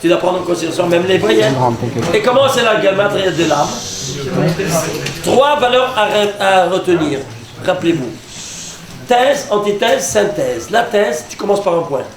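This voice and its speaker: A rabbi with a high, bright voice teaches an animated class, firing questions at his listeners. His voice rings through an echoey hall, and a lively crowd murmurs all around him. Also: moderate pace. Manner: animated, quizzes the audience. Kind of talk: lively Torah lesson. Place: lecture hall with audience.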